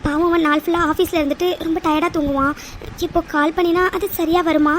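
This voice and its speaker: A woman doing a sweet cartoon heroine with a very high, girlish voice. She is soft and caring, and a faint hiss runs under her hesitant, pleading words. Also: flat delivery, quick pace. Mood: wistful. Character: gentle young woman, orphan, soft-spoken and caring.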